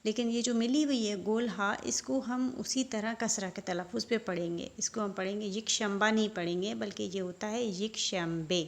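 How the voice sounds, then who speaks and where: A woman's voice: mid-range voice, vocal fry. A woman teaching vocabulary, saying each word and then explaining it. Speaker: language teacher. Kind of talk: slow vocabulary lesson.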